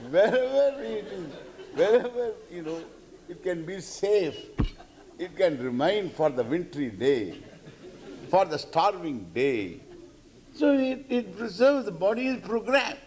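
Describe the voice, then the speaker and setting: Slow, animated Indian man giving spiritual discourse. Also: sits high. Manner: playful, acting out imagined questioners; halting, repeating phrases for emphasis.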